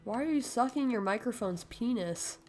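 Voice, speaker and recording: A woman gaming YouTuber in voice chat, teasing other players and bursting into shrill yelling. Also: expressive, normal speed, loud music behind the voice. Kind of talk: gaming voice chat with live commentary.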